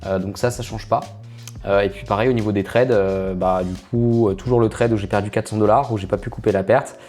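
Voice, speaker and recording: A chatty man walks viewers through his screen, speaking in a relaxed, mellow, darker tone. He hesitates often and fills pauses with filler sounds, with soft music faintly underneath. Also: on the low side. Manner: hesitant, full of filler "euh"; chatty, addresses viewers directly. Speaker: trading channel host. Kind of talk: casual screen-share commentary.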